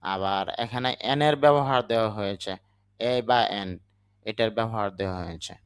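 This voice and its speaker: A man's voice: on the low side, moderate pace, clear, resonant tone. A man with a Bangladeshi accent, a native Bengali speaker, giving a patient spoken English lesson and spelling words out letter by letter. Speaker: English teacher.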